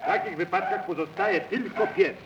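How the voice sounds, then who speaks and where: A man's voice: high-pitched, moderate pace. An actor in a 1938 radio drama, playing a dry, skeptical man, heard on an old, worn archival tape. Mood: wry. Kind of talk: 1930s radio drama acting. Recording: scratchy, dull, hissy 1938 radio recording.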